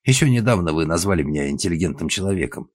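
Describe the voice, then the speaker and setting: A man voicing a dignified older woman in an audiobook, indignant and worried, with a husky voice. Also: low-pitched, animated, fast, no echo, clean studio sound.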